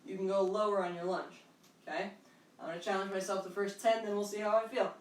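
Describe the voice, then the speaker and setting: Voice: mid-range voice, flat delivery, fast. An aerobics instructor leading a workout, counting out moves and cueing them in short, encouraging phrases. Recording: echoey room, distant microphone.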